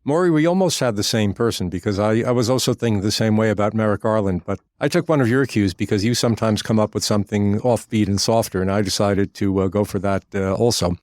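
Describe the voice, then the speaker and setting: A man co-hosting a political podcast, talking in a measured way with frequent pauses. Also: lowish voice, a little mellow, no room sound, studio quality. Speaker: podcast co-host.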